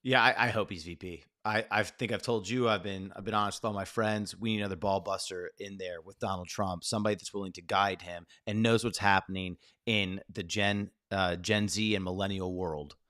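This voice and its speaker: A man's voice: deep voice, fairly even intonation, a little fast, few pauses, pushed and bright, no echo, clean studio sound. A man co-hosting a casual political chat show, speaking in a blunt, opinionated, laid-back way. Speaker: podcast co-host.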